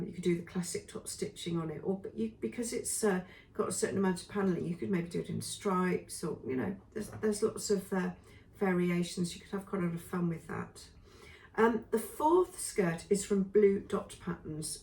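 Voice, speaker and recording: Woman vlogger talking through sewing patterns, low and a bit hoarse, heard from across an echoey room. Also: a little mellow, recorded from a distance, a little hiss or hum. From England. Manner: chatty, many ums and trailing lists. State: losing her voice. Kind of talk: casual spoken review.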